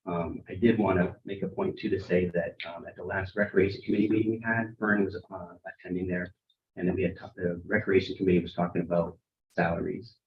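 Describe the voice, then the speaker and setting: A man with a low voice walks a council workshop through his department's budget. He speaks haltingly, full of ums and restarts. The sound is muffled and echoes around a meeting room. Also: level tone. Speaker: town recreation director.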